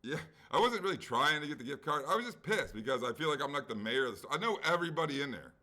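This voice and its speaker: A man's voice: a little high, big pitch swings, fast talker, bright, forceful tone. A man co-hosting a podcast, telling a rambling story in casual chat, full of "like". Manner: rambling storyteller, heavy use of "like". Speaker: podcast co-host.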